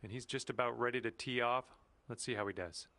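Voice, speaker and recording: Bright-voiced man calling golf shots. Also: medium pitch, fairly quick. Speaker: golf commentator. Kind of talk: casual play-by-play commentary.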